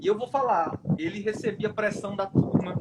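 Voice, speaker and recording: A man's voice: high-pitched, fairly quick, very noisy. A man with a Brazilian accent hosting a casual live interview, asking informal, probing questions. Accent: Brazilian Portuguese. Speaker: host.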